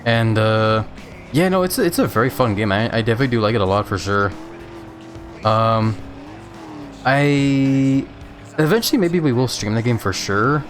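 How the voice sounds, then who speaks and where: A man's voice: medium pitch, animated, moderate pace, long pauses, soft background music. A man casually chatting with viewers while playing a racing game on a live stream, laid-back and laughing often.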